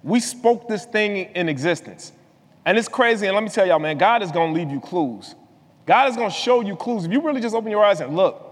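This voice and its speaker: High-pitched guy on a podcast, excited and emphatic, lots of echo. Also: brisk. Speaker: podcast co-host. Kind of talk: casual testimony chat. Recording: long hall reverb.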